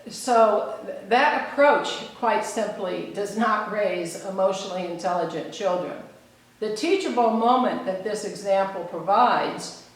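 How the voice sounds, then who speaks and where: A woman psychologist delivers a measured, explanatory lecture in a mid-range voice. Her words ring out in a very echoey room. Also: medium pitch. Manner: measured, explanatory, acts out quoted scolding adults. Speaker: psychologist giving a talk. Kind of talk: calm educational lecture.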